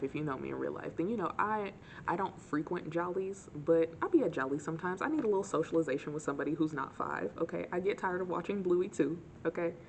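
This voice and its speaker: A young woman with a lowish, gravelly voice, chatting straight to camera. She tells her stories with sarcastic, animated flair. A faint hiss sits under the recording. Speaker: vlogger. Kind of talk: casual storytime chat.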